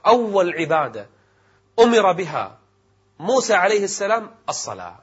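A man with a fairly high, husky voice delivers a religious sermon in formal standard Arabic. His delivery is emphatic and rhetorical, with classical diction. The recording sounds dull and a little muffled. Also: sing-song, normal speed. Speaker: Islamic preacher presenting a religious programme.

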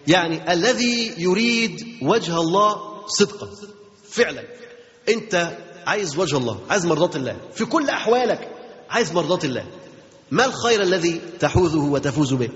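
High fast Egyptian man teaching. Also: animated, a bit bright. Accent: Egyptian Arabic. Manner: asks the audience rhetorical questions and repeats key phrases. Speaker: religious teacher. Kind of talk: Islamic religious lesson. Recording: dull lo-fi recording in a reverberant hall.

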